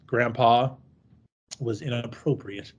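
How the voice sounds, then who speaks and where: A man's voice: mid-range voice, animated, extremely slow, a little mellow, husky. A man co-hosting a horror film podcast, chatting casually in a rambling, jokey and profane way. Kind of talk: casual chat.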